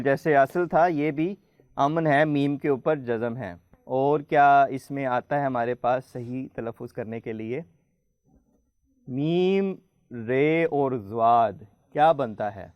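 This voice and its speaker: A man's voice: mid-range voice, no echo, muffled recording. Patient male host quizzing children. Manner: patient, spells out letters slowly to quiz children. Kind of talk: friendly studio hosting for children.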